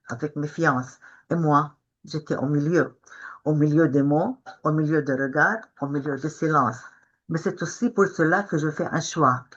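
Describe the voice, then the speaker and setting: A woman's voice: low voice, a bit bright, lo-fi sound. An older woman from Israel speaking as a panelist, often stopping and starting again as she searches for her words. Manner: halting, searching for words, many restarts. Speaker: panelist, peace activist. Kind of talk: webinar talk, first recited then spoken freely. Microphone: video call.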